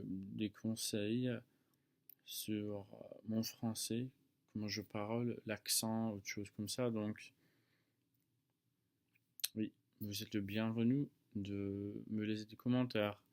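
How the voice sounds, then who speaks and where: A man in his early twenties from the United States speaks non-native French with an American accent, casually and haltingly, searching for words and correcting himself. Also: lowish voice, little pitch movement, a little mellow. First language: English. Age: early 20s. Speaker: student video maker. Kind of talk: casual talk to camera.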